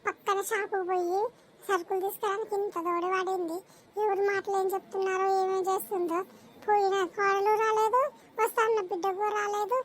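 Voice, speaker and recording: A woman's voice: very high voice, flat delivery, a little fast, a little hiss or hum, pitched below the performer's own voice. A woman playing a weepy old mother-in-law. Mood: grumbling. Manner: wailing complaints with sobs. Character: old village mother-in-law, whiny, self-pitying, hungry. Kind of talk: cartoon voice acting.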